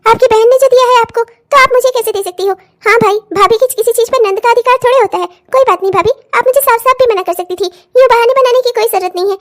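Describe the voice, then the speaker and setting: A woman playing a spoiled, demanding young sister-in-law in a cartoon comedy. Her very high voice turns whiny and sulky whenever she does not get what she asks for. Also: quick pace, few pauses. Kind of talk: cartoon voice acting.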